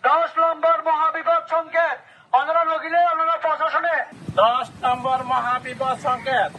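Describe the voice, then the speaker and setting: A man calling out slow, repetitive warnings over a loudspeaker outdoors by the sea, heard from a distance. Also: very high-pitched, steady tone. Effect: loudspeaker announcement. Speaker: evacuation announcer. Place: outdoors by the seashore. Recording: distant loudspeaker over loud wind noise.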